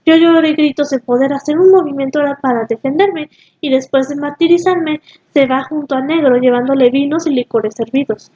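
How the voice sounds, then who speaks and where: A woman's voice: sits high, normal speed, warm tone, highs cut off, close to an everyday voice. A woman voicing a young man under a spell, pleading in a storybook reading. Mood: sorrowful.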